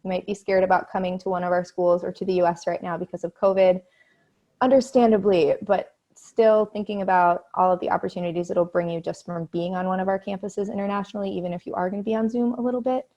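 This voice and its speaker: A woman's voice: mid-range voice, fairly even intonation, fast, dark tone, dull audio. A woman representing a university, giving an upbeat, chatty webinar presentation from home over a video call.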